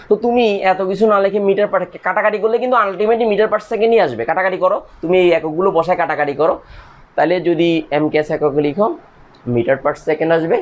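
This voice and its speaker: A man, middle-aged, teaching a chemistry lesson at a board. He talks quickly in a slightly raised voice, circling back over each point and putting questions to his students. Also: fairly high pitch, lo-fi sound. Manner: repetitive, coaxing, asks students questions. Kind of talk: lecture explaining units at a board.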